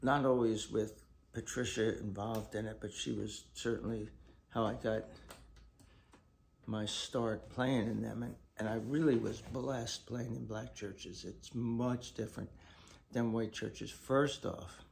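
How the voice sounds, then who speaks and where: Older man, gravelly, slow-spoken memoir at home, webcam mic, loud guitar behind. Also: fairly low pitch, fairly even intonation, slight background noise. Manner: unhurried, reflective, playful asides. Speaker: church musician telling life stories. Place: home room lined with bookshelves, indoors. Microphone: desktop webcam framing, seated. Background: loud acoustic guitar playing.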